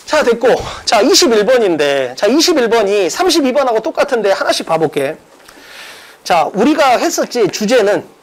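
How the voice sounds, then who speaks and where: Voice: medium pitch, big pitch swings, normal speed, low-quality recording. An English exam-prep teacher and academy director giving a mock exam explanation lecture, emphatic and casual with students, drilling points through repetition and rhetorical questions. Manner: casual informal speech to students.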